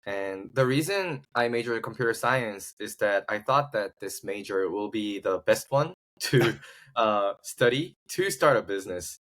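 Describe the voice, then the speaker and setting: A South Korean startup founder, appearing as a podcast guest, tells his personal story casually in an interview, often searching for words. He speaks with a Korean accent in a lowish, slightly bright voice with lively intonation and an unhurried pace.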